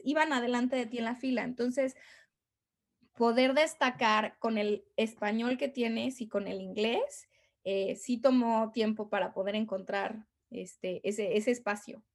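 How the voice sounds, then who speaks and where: A Mexican woman who works as a tour guide is a guest on a podcast, chatting casually with many fillers and restarts. Her voice sits on the high side, with a steady tone and a slightly slow pace.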